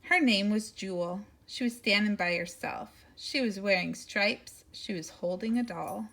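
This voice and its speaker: A woman's voice: medium pitch, measured pace, creaky, a bit bright. A woman reading a picture book aloud expressively, like a teacher talking to young children, with asides to her listeners.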